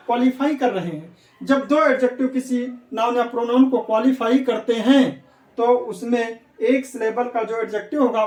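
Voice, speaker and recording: A man's voice: very high-pitched, darkish tone, recorded from a distance. A man teaching English grammar for competitive exams, repeatedly asking questions and answering them himself. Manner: repetitive, asks students questions and answers them. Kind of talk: classroom lecture for exam prep. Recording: echoey room, voice away from mic.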